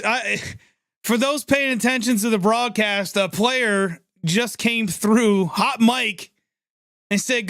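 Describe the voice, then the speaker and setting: A man hosting a live sports reaction stream, calling the plays as they happen in an excitable, chatty way and reacting quickly to each one. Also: extremely high pitch, clear, resonant tone, no room sound, studio quality. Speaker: livestream sports reaction host. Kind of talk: live play-by-play reaction commentary.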